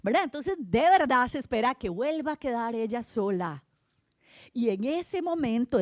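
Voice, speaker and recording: A woman's voice: fairly high pitch, a little mellow, no room sound, clean studio sound. A woman preaching an Easter sermon to a congregation, telling the story with animation, acting out voices and often asking her listeners "right?". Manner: acts out voices of the people in the story.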